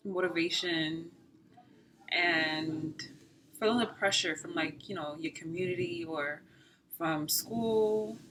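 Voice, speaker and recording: A young Sierra Leonean woman chats with a friend, easygoing and agreeable. Her voice sits a little low but sounds bright and clear. She explains things through examples. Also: slow pace, slight background noise, poor audio. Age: young adult. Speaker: guest friend. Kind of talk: casual chat.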